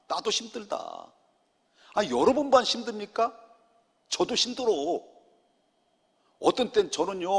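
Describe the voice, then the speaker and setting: Animated pastor in a reverberant hall. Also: male voice, sits high, slightly rough. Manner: animated, jokes with the congregation, acts out quotes. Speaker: senior pastor. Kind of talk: lively Friday prayer-meeting sermon. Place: church sanctuary. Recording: long church hall reverb.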